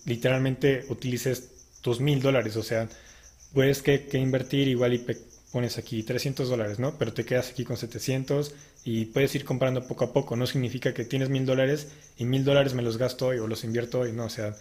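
A man's voice: medium pitch, a little mellow. A man co-hosting a casual podcast, giving earnest step-by-step advice. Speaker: podcast co-host.

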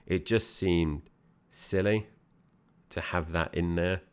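A man's voice: low-pitched, fairly even intonation, takes it slowly, smooth. A man co-hosting a podcast, chatting casually about a film and addressing his co-host directly. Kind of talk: casual film review chat.

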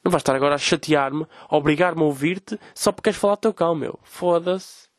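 A man's voice: on the high side, fairly quick, no room sound. A young man from Portugal with a European Portuguese accent, hosting a podcast as a casual comedic rant, swearing often and mimicking people in quoted voices. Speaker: podcast host.

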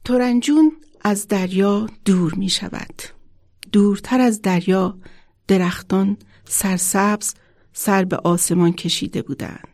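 A woman children's author reading her own story aloud in a measured, expressive storytelling manner. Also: medium pitch, dry recording, studio quality.

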